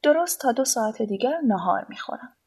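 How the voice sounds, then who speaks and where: A woman's voice: fairly high pitch, husky. A woman reading a storybook voices an aloof, teasing male artist who goads a suicidal young man. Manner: calm, teasing, unbothered.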